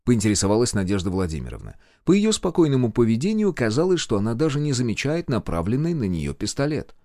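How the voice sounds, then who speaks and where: A man narrating a first-person audiobook, expressive storytelling. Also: mid-range voice, fast, no echo, clean studio sound.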